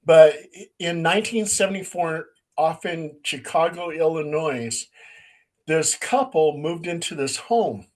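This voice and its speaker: A man who is a paranormal investigator and co-host, telling stories in a casual, animated way and acting out quotes. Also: fairly high pitch, measured pace, rough recording. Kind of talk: casual storytelling chat.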